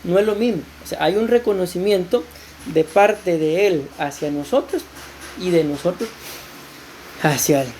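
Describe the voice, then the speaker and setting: A woman's voice: fairly low pitch, a little slow, dark tone, a little hiss or hum. A woman pastor with a Costa Rican accent preaching to a women's group, explaining scripture and asking rhetorical questions. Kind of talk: sermon.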